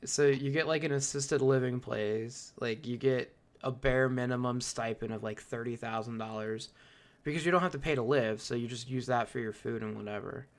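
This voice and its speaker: A man with a mid-range voice talks as a podcast co-host. He rants with animated opinions, swears often and speaks in a loose, casual way. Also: mid-range voice, moderate pace. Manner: animated, ranting, swears freely. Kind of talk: casual chat.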